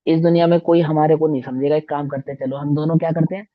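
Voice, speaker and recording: A man teaching a religious lesson to children, telling stories with animated delivery and often asking the class questions. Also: a little high, fast, muffled recording.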